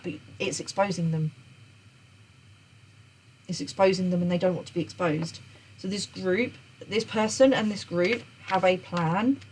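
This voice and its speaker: A woman's voice: mid-range voice, husky, poor audio. A woman gives an unscripted tarot reading. She talks earnestly, often repeats and restarts her phrases, and checks in with "okay?". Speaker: tarot reader.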